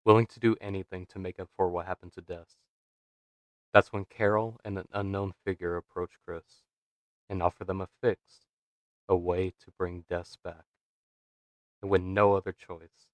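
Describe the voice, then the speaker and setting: A man giving scripted narration for a video essay, measured and dramatic, posing rhetorical questions. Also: deep voice, dry recording.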